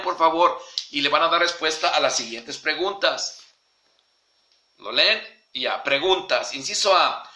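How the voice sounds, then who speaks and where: A male teacher with a Mexican Spanish accent, slowly dictating history questions and repeating the punctuation aloud. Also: a little high, pushed and bright, roomy sound.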